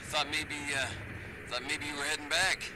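An actor playing a loyal, easygoing male biker friend who talks with halting fillers, heard over a buzzy radio call that keeps cutting out. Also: a little high, level tone, background noise.

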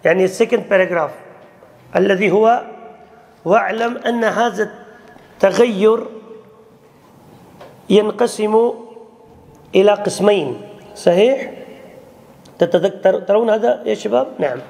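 High, gravelly man teaching. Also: a little mellow. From Kashmir. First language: Kashmiri. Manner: checks on students by name, halting restarts, slow drawn-out readings. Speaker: Arabic grammar teacher. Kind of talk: online classroom lecture.

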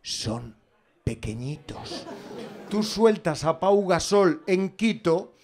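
Spanish comic guy on stage, kinda high voice, animated, ironic asides. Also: slow pace. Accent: Spain Spanish. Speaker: stand-up comedian. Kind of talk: stand-up comedy monologue.

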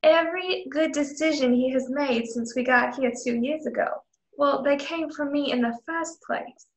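In a radio drama, a woman with a high-sitting voice at normal speed plays a haughty, condescending widow who runs a frontier business, sounding imperious throughout. The home recording is roomy and echoing.

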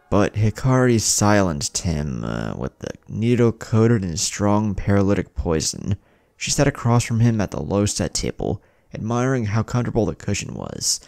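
A man with a low, creaky voice narrates a scripted story dramatically, his pitch rising and falling in an animated way. Soft music plays underneath, and there's no room sound.

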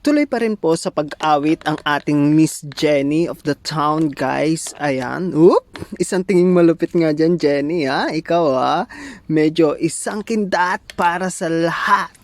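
A woman's voice: low voice, measured pace. Playful chatty woman vlogger. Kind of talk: casual party vlog commentary.

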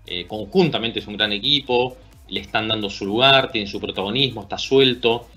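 An Argentine basketball analyst talks the game thoughtfully over a video call from a small room at home, using tag questions in his casual sports discussion. He speaks Argentine Spanish in a lowish voice at normal speed with a sharp tone, soft music playing behind him.

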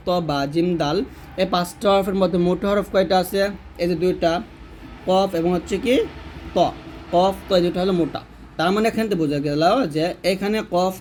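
A man's voice: sits high, darkish tone. A man teaching Quran reading step by step, repeating each letter and answering his own questions. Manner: repetitive, asks questions and answers them himself. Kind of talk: step-by-step recitation lesson.

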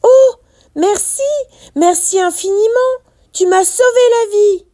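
A kind, caring young boy, as a woman reading aloud puts him on, speaking in a high voice that swings up and down. He calls out in a raised, anxious way, with a mellow tone. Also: very animated, slow pace, exaggerated voice. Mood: grateful.

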